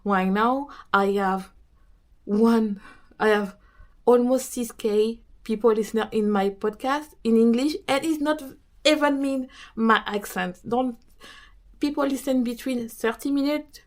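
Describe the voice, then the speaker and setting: A native French speaker with a French accent, this woman is a podcast host and coach talking casually to camera about consistency. Her voice is a little high, and she often pauses and restarts while searching for words.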